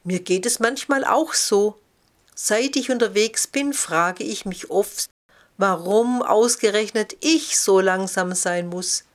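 A woman voicing a wise, gentle female snail in a storybook reading, speaking in an encouraging, thoughtful way. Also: medium pitch, slow, close to an everyday voice.

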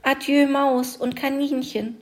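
A woman's voice: animated, measured pace. A small young fir tree with a lifted, longing voice, put on by a woman reading a storybook. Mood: tender. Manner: higher, brighter plaintive voice.

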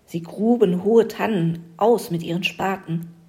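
A woman reading a rhyming Christmas story aloud, measured and gently expressive. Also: mid-range voice. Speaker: reader of an audio advent calendar story.

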